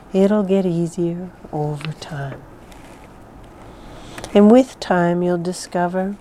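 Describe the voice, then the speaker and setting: A woman leading a guided meditation in a soft, calm, soothing voice, with phrases often trailing off into breathiness. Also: fairly low pitch, slight background noise. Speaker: mindfulness exercise guide.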